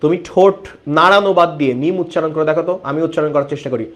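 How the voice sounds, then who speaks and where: A male biology teacher runs an online class, his voice sitting a little higher than most men's. He explains each point step by step and keeps turning to his students with questions. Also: racing.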